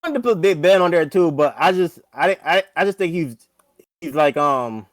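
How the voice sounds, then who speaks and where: A man's voice: fairly high pitch, expressive, no room sound. A man co-hosting a sports podcast, talking casually and restarting his sentences. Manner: halting, restarts often. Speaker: podcast co-host.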